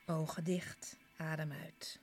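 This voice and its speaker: Soft, breathy, low-voiced woman guiding relaxation. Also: flat delivery. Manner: slow, short instructions with pauses. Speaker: relaxation exercise instructor. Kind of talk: soft, soothing guided relaxation with breathy, part-whispered delivery. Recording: clear background music. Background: relaxation music.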